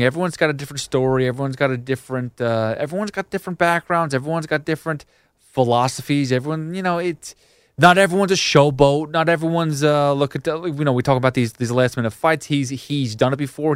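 A man's voice: a little high, fast talker, clear, resonant tone, dry recording, studio quality. A man hosting a sports podcast, talking casually in an emphatic, colloquial way and often repeating his phrases. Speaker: podcast host. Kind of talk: casual MMA podcast talk and commentary.

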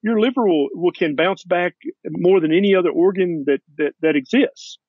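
A man's voice: high voice, moderate pace, dry recording, highs cut off. A man with a Tennessee accent talking as a doctor in an interview, in a blunt, folksy and emphatic way. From Tennessee, USA. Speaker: doctor and author, interview guest. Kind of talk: conversational interview.

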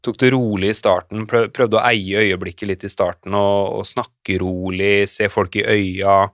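A man's voice: on the low side, steady tone, a bit bright, dry recording, studio quality. A man in his thirties chatting as a podcast guest, reflective and hesitant with frequent fillers. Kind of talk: casual conversation.

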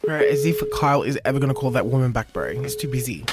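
A man's voice: mid-range voice, animated, fast talker, close to an everyday voice. A man voicing a sassy, flirty woman from Bankstown who answers a radio phone line, with an Australian accent, brash and calling everyone bro. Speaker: radio host doing a character. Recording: loud music behind.

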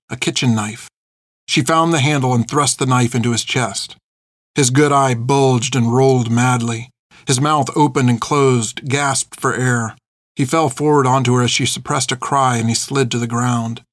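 Man reading a story, steady and dry. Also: mid-range voice, dry recording. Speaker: narrator. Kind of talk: audiobook narration.

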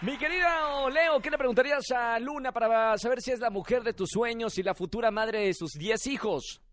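Excitable high-voiced radio host. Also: male voice, brisk. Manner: teasing, excitable, laughs often. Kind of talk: playful radio dating segment. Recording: radio show with music bed.

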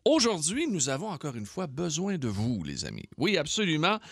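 A man with a Québécois French accent hosting a radio show, bantering and reacting with quick laughs and interjections. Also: a little high, wildly swooping pitch, creaky, a bit bright, no room sound, studio quality.

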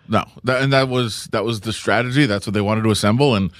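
A man giving casual, halting sports analysis on a radio show. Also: lowish voice, dry recording, clean studio sound.

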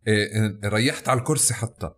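A man's voice: fairly low pitch, racing. A man with a Palestinian Arabic accent hosting a casual interview in everyday dialect. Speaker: podcast host.

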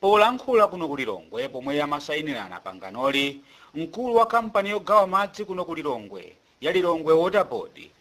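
A man's voice: fairly high pitch, very animated, a little fast, a bit bright. A man with a Malawian accent delivering a scripted news report as a reporter.

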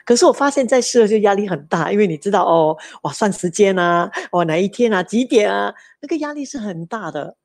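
A middle-aged woman with a lilt to her tells lively stories about raising her children. She mixes English words into her speech and keeps her voice in an ordinary middle range. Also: mid-range voice, a little fast, gravelly, hardly any pauses. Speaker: interview guest, mother of three. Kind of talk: casual storytelling interview.

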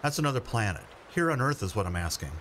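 In a naturalistic radio play, a man voices an awkward but well-meaning fisherman from a family, sounding hesitant, plainspoken and trying. His mid-range voice is sing-song, quick and fairly bright, set against noisy ambience with vehicle sounds.

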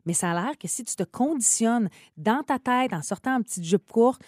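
A woman in her thirties with a Quebec French accent, co-hosting a casual radio chat, lively and laughing often. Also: a little high, moderate pace, no echo, studio quality. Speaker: radio co-host.

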